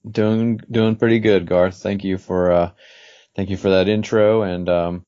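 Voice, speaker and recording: A man from the United States co-hosting a podcast, chatting in an easygoing, halting way with many fillers. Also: sits low, steady tone, mellow, muffled recording. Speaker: podcast co-host. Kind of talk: casual podcast chat.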